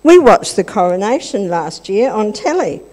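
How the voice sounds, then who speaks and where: An older woman's medium-pitched, sing-song voice, darkish in tone and moderately paced, leads a playful children's talk in church, full of chat and questions for the kids. She speaks into a handheld microphone in a large hall with the congregation, and long reverb trails each phrase.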